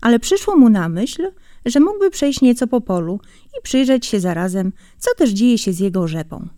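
A woman reading a fairy tale aloud in a calm, measured storytelling manner. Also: fairly high pitch, dry recording, studio quality. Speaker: audiobook reader.

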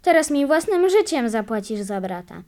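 Woman reading as a spiteful sparrow, shrill threats, kinda high. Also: very animated, moderate pace, darkish tone. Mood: menacing. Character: vengeful taunting male sparrow.

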